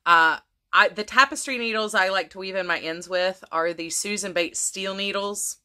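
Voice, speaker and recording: This woman from the United States talks to camera about her craft projects in a loose, rambling way, restarting often. She speaks at a normal speed in a mid-range voice with a sharp edge, and she is clearly losing her voice.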